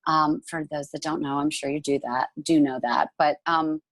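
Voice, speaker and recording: A woman's voice: low-pitched, fairly even intonation, moderate pace, no room sound, poor audio. A woman in her forties, a musical theatre actress, chatting casually over a video call and rambling with lots of fillers. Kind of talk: casual Q&A chat.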